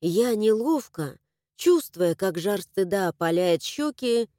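A woman narrating a first-person fantasy audiobook in an expressive storytelling manner. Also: mid-range voice, slow pace, no room sound, clean studio sound.

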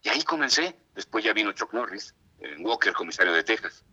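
A middle-aged man with a Mexican accent, a voice actor telling lively stories as a radio interview guest and acting out what others said. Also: lowish voice, fairly quick, breathy edge, dull audio. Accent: Mexican Spanish. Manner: animated, acts out quoted voices.

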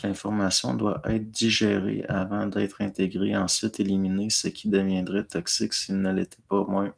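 A man's voice: lowish voice, gravelly, breathy edge. A man with a Quebec French accent, rambling casually as he answers viewers and tacks a drawled "là" onto his phrases. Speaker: host.

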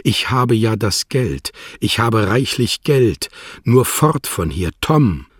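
A man's voice: lowish voice, big pitch swings, slow, slightly rough, no room sound, clean studio sound, pitched above the performer's own voice, heavily acted. A man reading aloud in an audiobook, voicing a distraught, desperate young woman in a strained, pleading voice.

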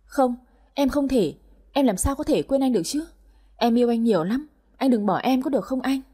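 Woman voicing a shrill scheming young mistress. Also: expressive, brisk, dark tone, husky. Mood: tearful pleading. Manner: shrill, rude, tearful pleading.

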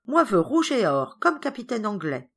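An excitable young manservant, put on by a woman reader, bursts out in short, broken phrases. The voice rides high and loud, swinging widely with eager joy, as in a storybook read aloud. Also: normal speed, slightly rough, exaggerated voice. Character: excitable young male servant, joyful, broken speech.

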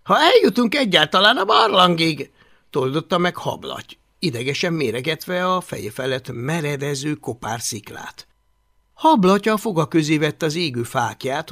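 A man narrating an audiobook in an expressive storytelling manner. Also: fairly high pitch. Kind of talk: scripted narration.

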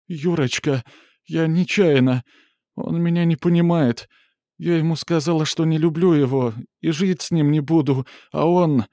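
A tearful young woman, breathless and pleading, her voice lifted high and trembling, as a male reader puts her on. She begs in a small, whimpering voice in a dry, close storybook reading. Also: steady tone, a little slow, dark tone, dry recording.

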